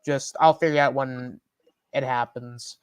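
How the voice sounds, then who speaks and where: Clear-voiced young man, close and dry. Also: medium pitch, steady tone, measured pace, dry recording. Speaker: panelist, online creator. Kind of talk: casual self-introduction.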